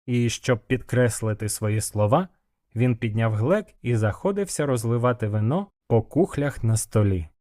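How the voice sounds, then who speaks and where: A man narrating a fantasy audiobook in the first person, with even, measured storytelling. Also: mid-range voice.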